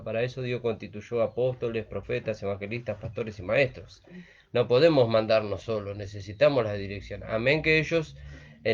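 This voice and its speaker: A man preaching a sermon, earnest and repetitive, often asking "¿vio?". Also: medium pitch. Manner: earnest, repeats phrases with frequent "¿vio?". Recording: dull lo-fi recording.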